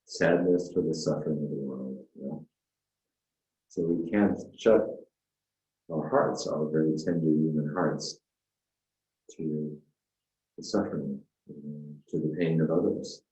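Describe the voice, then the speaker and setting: A man, a spiritual teacher, giving an unhurried, reflective dharma talk with frequent fillers and asides. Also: a bass voice, steady tone, warm tone, roomy sound, low-quality recording.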